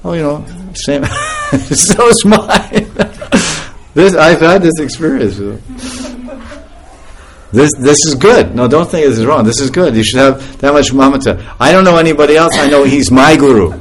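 Unhurried and fairly high-pitched, a man delivers an informal spiritual talk to a group, animatedly telling stories and laughing frequently. A little hiss or hum can be heard in the recording.

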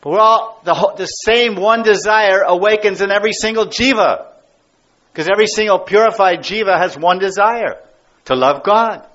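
A man's voice: high voice, moderate pace, a bit bright. A man giving a devotional class as a spiritual teacher, emphatic and given to repeating key words and phrases. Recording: dull lo-fi recording.

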